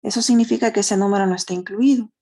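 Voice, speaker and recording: A woman's voice: mid-range voice, steady tone, fast talker, mellow. A woman with a Honduran Spanish accent teaching a math class online, explaining step by step and checking in with tag questions. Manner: uses diminutives.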